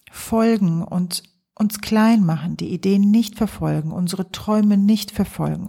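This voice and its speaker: Soft husky woman, gentle podcast talk. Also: medium pitch. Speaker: podcast host, psychologist and coach. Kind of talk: calm reflective podcast monologue. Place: home, early morning.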